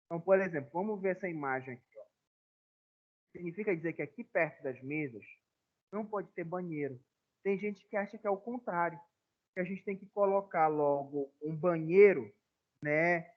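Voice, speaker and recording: Man lecturing, thin phone-like sound. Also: sits high. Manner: conversational teaching, frequent "tá?" check-ins. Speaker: professor. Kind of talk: live online lecture. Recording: tinny phone-like audio.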